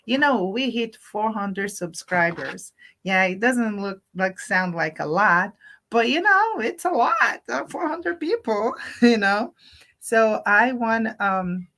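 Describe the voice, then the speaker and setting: A woman with a medium-pitched, fairly bright, expressive voice speaks at a slow pace. She hosts a children's storytime channel and is livestreaming to young children, using simple, teacherly phrases sprinkled with Spanish words.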